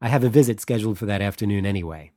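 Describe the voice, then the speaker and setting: A man's voice: lowish voice, rapid-fire, mellow, dry recording, studio quality, close to an everyday voice. A man voicing a courteous French male head of mission with a thick but pleasant French accent. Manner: polite, businesslike.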